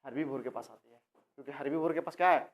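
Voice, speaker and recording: A man's voice: fairly high pitch, fast talker. A male biology teacher from India, speaking. He lectures a coaching class, asks questions, answers them himself and repeats key terms. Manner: addresses students as "बच्चा".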